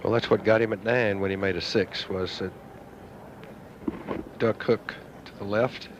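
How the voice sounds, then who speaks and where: Low, informal male golf commentator. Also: steady tone, measured pace. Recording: dull, noisy vintage TV broadcast.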